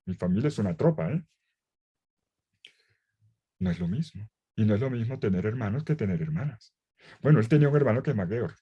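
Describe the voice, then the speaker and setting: A man lectures in an animated teaching style, firing rhetorical questions and hammering points home by repeating them. His voice is mellow and dark with a slightly husky grain. He speaks from an indoor room with a bookcase behind him. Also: lowish voice, a little fast, pauses often, highs cut off. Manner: rhetorical questions and emphatic repetition. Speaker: lecturer on the Gospel. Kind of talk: lively teaching talk.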